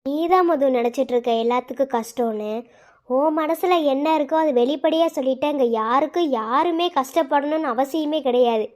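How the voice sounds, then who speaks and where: A woman's voice: high-pitched, normal speed, a little mellow, close to an everyday voice. A woman voicing a blunt cartoon young man. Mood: lecturing. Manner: lecturing, blunt. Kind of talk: cartoon voice acting.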